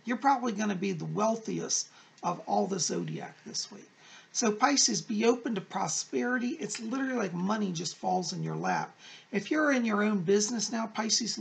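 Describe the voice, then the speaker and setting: A male fortune teller reads his weekly horoscope to viewers, addressing them directly with effusive, emphatic encouragement. His high-pitched voice is heavily creaky and moves up and down in lively swoops.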